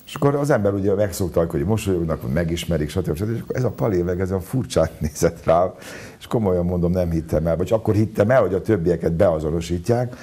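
A man's voice: deep voice, animated, few pauses, warm tone, slightly rough. A man, a theater director, chatting as a talk-show guest and telling anecdotes, laughing as he goes. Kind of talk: casual talk-show chat.

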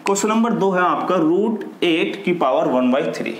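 A man's voice: high voice, lively intonation, normal speed. Male maths teacher, Hindi accent, patient step-by-step explainer; roomy recording with faint hiss. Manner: explains step by step, asks and answers his own questions. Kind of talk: classroom lesson. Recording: echoey room with faint noise.

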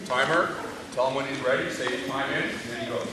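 A man's voice: mid-range voice, fairly quick. Teacher guy running a school debate, easygoing and jokey, far off mic, big echoey room. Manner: relaxed, jokey, giving instructions. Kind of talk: moderating a school event. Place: large school gym or hall. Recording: echoey hall, far mic, loud noise.

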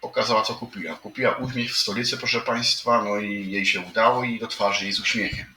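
A man's voice: fairly low pitch, steady tone, a little fast, sharp tone. A man hosting a livestream, rambling through headlines with wry asides and constant audience address. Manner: meandering, repeats "proszę państwa", wry asides. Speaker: livestream host reading news headlines. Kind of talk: rambling live commentary on headlines. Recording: echoey room, mic at a distance, audible noise.

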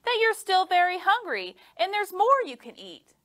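A bright, high little boy's voice, eager and coaxing, bouncing in a sing-song lilt, as a woman reads him in a storybook. His pitch leaps about with lively swings. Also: moderate pace, heavily acted. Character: small eager boy swallowed by a snake.

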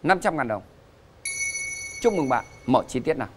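A man hosting a game show in a lively way, announcing answers and prompting contestants. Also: medium pitch, moderate pace. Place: TV studio with audience. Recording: studio show with music and crowd. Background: music and audience noise.

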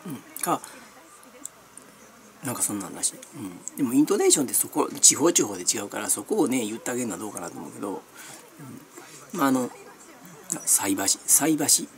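A middle-aged vlogger with a Kansai Japanese accent speaks in a very deep, slightly mellow voice, very animated and quick, yet broken by long pauses. She rambles casually from one everyday topic to the next, calling herself by a nickname and sprinkling in frequent fillers and small laughs.

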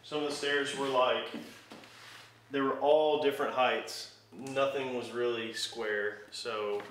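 A man's voice: medium pitch, steady tone, slow, fairly bright tone, far from the mic. Man, 20s, plain-spoken renovator on camera; roomy, echoey sound. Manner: plain, matter-of-fact explaining. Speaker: vlogger. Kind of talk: casual home-renovation vlog. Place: empty rooms in a house under renovation. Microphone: handheld camera. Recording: echoey bare rooms, faint noise.

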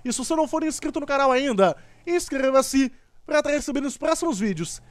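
A man giving excitable, exclamatory gameplay commentary as a gaming video host. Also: extremely high pitch, a little fast, no room sound. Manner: excitable, exclamatory, repeats "top" and "ó". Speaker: gaming YouTuber.

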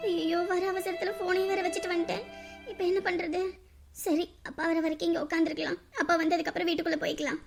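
A woman voicing a hurt, proud young mother in an animated drama, talking through bitter tears. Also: extremely high pitch, fast talker, gravelly, soft background music. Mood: weary. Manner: tearful, bitter inner monologue.

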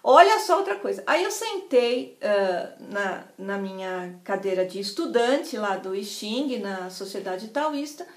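A woman's voice: medium pitch, measured pace, few pauses. A middle-aged woman tells a personal story in a casual, chatty way, acting out what other people said. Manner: animated, chatty, acts out other people's lines. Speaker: vlogger sharing a personal experience. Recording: roomy, echoey room sound.

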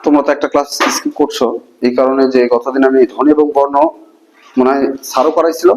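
A man teaching a grammar lesson to a class, asking many quick questions in a casual, colloquial way. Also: medium pitch, very animated, vocal fry, darkish tone, poor audio.

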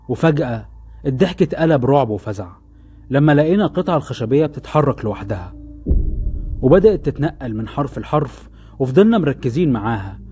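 Fast-paced Egyptian man narrating suspenseful horror. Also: mid-range voice, dark tone, slight background noise. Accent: Egyptian Arabic. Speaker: horror story podcast narrator. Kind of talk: scripted first-person horror storytelling. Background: music under the voice.

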